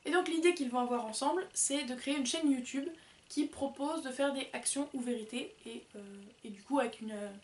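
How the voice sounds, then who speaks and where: A woman's voice: high-pitched, fairly quick, darkish tone, reverberant, distant mic, a little hiss or hum. A woman chatting casually and rambling as she reviews books, with many fillers. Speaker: book vlogger. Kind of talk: casual book review chat.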